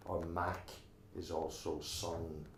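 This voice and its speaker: Deep-voiced Irish man from Donegal. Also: flat delivery, takes it slowly, reverberant, a little hiss or hum. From Ireland. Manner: talkative, restarts sentences, earnest. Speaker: oral history interviewee. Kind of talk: recorded oral history interview.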